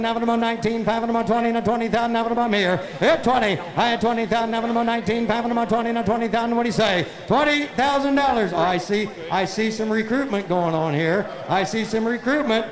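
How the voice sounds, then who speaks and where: A man working as an auctioneer, rolling out rhythmic bid calls loudly over a microphone at a livestock sale. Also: very high voice. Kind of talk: rapid auction chant. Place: large indoor livestock show arena. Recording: echoey arena, crowd behind. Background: crowd murmur.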